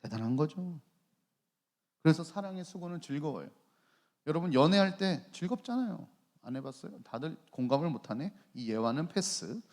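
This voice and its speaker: Man, forties, youth pastor, sermon, fairly high voice, asks and answers his own questions, playful teasing. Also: moderate pace. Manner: lively, asks the listeners questions and answers them himself; joking, teases the young people by name.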